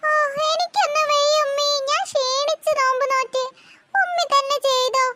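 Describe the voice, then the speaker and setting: A performer voicing a young cartoon boy, tired and reluctant, whining about helping. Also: normal speed. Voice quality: very high-pitched. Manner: whiny, reluctant. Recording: loud background hiss.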